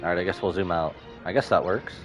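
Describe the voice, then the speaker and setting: Over game music, a man live-streams a game with casual commentary, thinking aloud in short reactions. His voice is low and he talks fast, with the music audible behind him.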